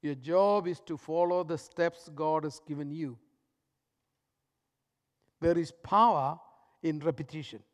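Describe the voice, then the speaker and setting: A man preaching a sermon as pastor, swinging between loud emphatic lines and hushed, soft ones. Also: a little high, unhurried, pauses often, in a large hall.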